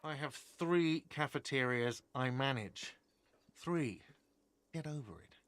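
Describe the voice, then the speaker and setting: A man's voice: medium pitch, slow, a bit bright. A man voicing a whiny, irritable cafeteria manager in a video game, defensive and exasperated. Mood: irritated. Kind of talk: video game character dialogue.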